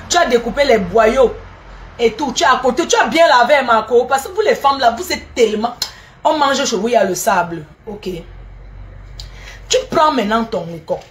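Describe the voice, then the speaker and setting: A middle-aged woman walks viewers through a recipe in a casual cooking video, speaking to them directly, repeating each step and teasing and scolding along the way. Her voice is on the high side, with slight background noise.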